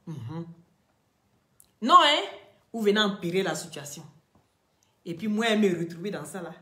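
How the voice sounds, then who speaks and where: A woman's voice: on the low side, big pitch swings, moderate pace, pushed and bright, reverberant. A woman hosting a live video, speaking straight to her followers in an emphatic, lecturing way. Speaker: social media live-stream host.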